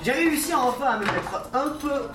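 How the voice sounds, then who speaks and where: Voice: sits high, animated, normal speed, noisy background. An actor plays an eager, gossipy household servant, smitten with the mistress, in a period audio drama. The voice is distant in an echoing kitchen, with clattering dishes around it. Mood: smitten, chatty. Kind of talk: period audio fiction acting.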